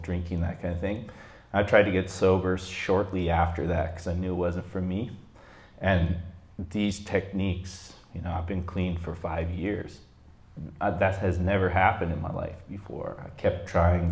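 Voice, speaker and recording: A man telling a reflective personal story to a group, halting, with many fillers. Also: low-pitched. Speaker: group participant sharing a story. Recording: roomy echo.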